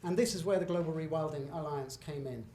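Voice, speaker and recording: In a roomy, echoey hall with a faint background hum, a middle-aged British guest lecturer presents a public talk with slides. His voice is warm and a little high, and he moves fairly quickly. He sounds conversational and emphatic, often adding asides and self-corrections.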